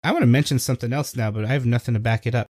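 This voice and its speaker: A man's voice: medium pitch, rapid-fire, a little mellow, no room sound. A man with a mid-range voice co-hosts a podcast, chatting casually and explaining ideas in an easygoing way. The recording is dry and close-miked. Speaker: podcast co-host. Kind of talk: casual chat.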